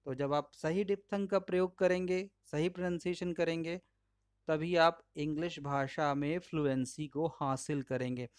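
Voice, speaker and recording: A male pronunciation teacher with an Indian English accent and Hindi as his first language, slowly and patiently modeling each word aloud while explaining slides. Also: on the high side, steady tone, smooth, no room sound, studio quality. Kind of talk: slide-based lesson.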